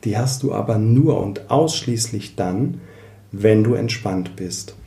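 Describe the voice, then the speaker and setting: Male voice coach, low and warm, explains and demos voice tricks, echoey room. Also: animated, slow pace, gravelly. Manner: demonstrates voice techniques while explaining. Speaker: voice coach and speech therapist. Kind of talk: explanatory interview talk.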